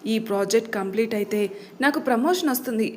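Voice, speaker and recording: A cheerful young working woman from an audio story, voiced by a female narrator. She is lively and a bit whiny when nagged. The voice is slightly high. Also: quick pace, slight background noise, lightly acted.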